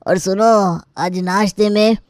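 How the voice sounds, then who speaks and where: A woman's voice: medium pitch, fairly even intonation, takes it slowly, darkish tone, no echo, natural voice. Woman doing a touchy, demanding cartoon uncle-in-law, bossy and huffy, plain dry read. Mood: grumpy. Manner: huffy, bossy, easily offended. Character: grumpy demanding middle-aged male uncle-in-law. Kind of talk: cartoon voice acting.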